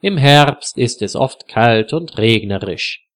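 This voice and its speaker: A man voicing an easygoing, friendly older husband in a slow storybook reading. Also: medium pitch, dry recording. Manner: friendly, relaxed.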